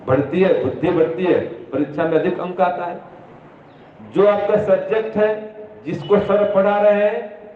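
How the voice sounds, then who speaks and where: A man's voice: sits high, a little hiss or hum. A man giving moral instruction to students in a didactic way, repeating his points and answering his own questions. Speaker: religious teacher addressing students. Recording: echoey room over a tinny phone-like line.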